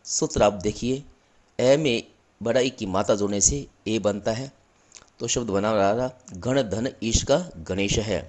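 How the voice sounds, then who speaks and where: A male teacher giving a slow, patient classroom grammar lesson, repeating and spelling out each example. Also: fairly low pitch, a little mellow. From India. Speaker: school teacher.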